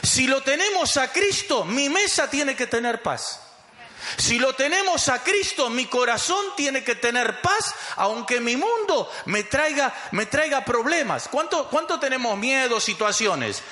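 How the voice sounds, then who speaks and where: A man's voice: extremely high pitch, sing-song, measured pace, pushed and bright, roomy sound. A man preaching a sermon as pastor, emphatic and calling the congregation to repeat after him.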